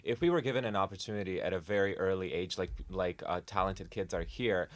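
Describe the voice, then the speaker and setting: A man's voice: deep voice, quick pace, no echo. A young man from Croatia, a music group member, giving earnest answers and searching for words. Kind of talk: casual interview answers.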